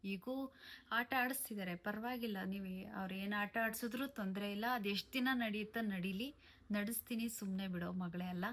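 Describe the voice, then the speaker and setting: A woman telling a personal story of betrayal, aggrieved and emotional, with pauses and restarts. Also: mid-range voice, steady tone, a bit bright. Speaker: vlogger. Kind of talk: personal testimony to camera.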